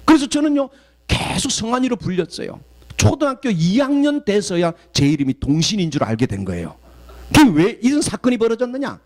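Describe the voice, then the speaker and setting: A man from southeastern Korea, a guest pastor preaching a sermon and telling stories in an animated way. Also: very high voice. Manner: animated storytelling, acts out quoted voices.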